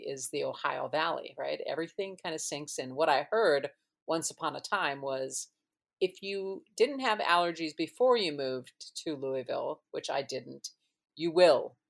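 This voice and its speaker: A woman's voice: low-pitched, vocal fry. A woman from Minnesota hosting a casual podcast, chatty and rambling, laughing easily. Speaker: podcast host. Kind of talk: casual chat.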